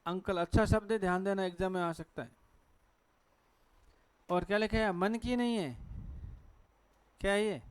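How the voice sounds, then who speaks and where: High-voiced Hindi-accented man teaching. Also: normal speed, pauses often, smooth, no echo. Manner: asks the class questions and answers them himself. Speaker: English teacher. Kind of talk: classroom lecture on pronunciation. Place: classroom with a board.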